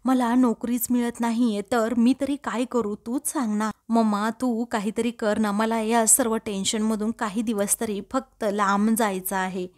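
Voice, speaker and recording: A woman's voice: fairly high pitch, flat delivery, unhurried, hardly any pauses, a little mellow, close to an everyday voice. A woman voicing a jobless grown son who whines and coaxes his mother for money. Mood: whining. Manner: whining, coaxing.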